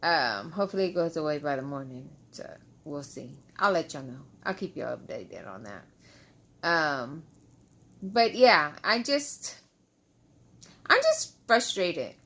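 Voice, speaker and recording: A vlogger with a low-sitting, very animated, fairly bright voice chats casually with her followers at a measured pace. She tells a storytime close to the mic, sounding frustrated and repetitive, and her speech has the quality of loose dentures worn without adhesive.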